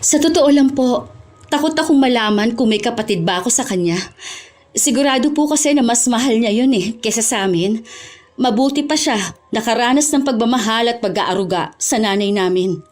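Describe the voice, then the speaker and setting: A woman playing a young daughter who is hurt by her mother but stays polite and soft-spoken with her elders. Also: a little high, expressive, a little fast, close to an everyday voice. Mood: sad. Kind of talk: Tagalog audio drama acting.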